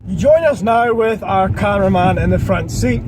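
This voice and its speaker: A man with an Inverness Highland Scottish accent, chatting informally and plainly as he reviews his own car. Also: normal speed. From Inverness, Scotland. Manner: informal, plain-spoken, colloquial. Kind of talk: casual car review chat. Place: inside a car. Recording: noisy car interior with engine rumble.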